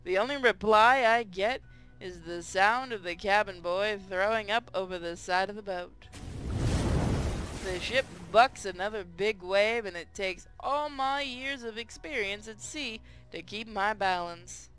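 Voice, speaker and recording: Casting: male streamer, high clear voice, playful and sweary, reading game narration aloud. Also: unhurried, sharp tone, soft background music. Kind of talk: visual novel read-aloud with casual banter.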